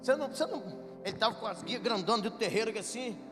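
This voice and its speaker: A Brazilian man, a pastor, telling jokey stories in a sermon that builds to shouted preaching in a church. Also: high-pitched, expressive, rapid-fire. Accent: Brazilian Portuguese. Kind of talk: sermon with storytelling. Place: church hall. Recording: reverberant church hall with music.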